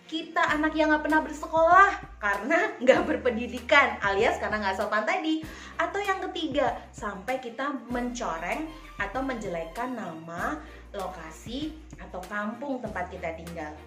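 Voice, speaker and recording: Woman teacher, children's lesson, animated and playful, echoey room, faint background music. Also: fairly high pitch. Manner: lively, acts out examples for children.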